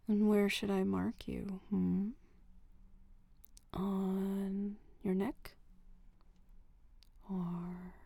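A woman playing a possessive, jealous, doting lover in an audio roleplay, speaking to the listener in slow half-whispers with soft giggles. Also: mid-range voice, vocal fry, husky, no room sound, heavily acted.

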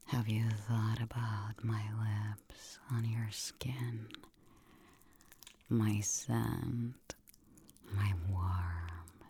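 A woman whispering an ASMR roleplay close to the mic, with a breathy, teasing and dominant way of speaking. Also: very deep voice, dark tone, slight background noise. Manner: slow, teasing, dominant murmuring close to the ear.

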